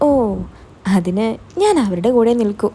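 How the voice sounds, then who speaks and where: A woman's voice: mid-range voice, big pitch swings, unhurried, dark tone, breathy edge. A woman voicing a blunt, teasing young man who is the hero's old college friend. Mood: scolding.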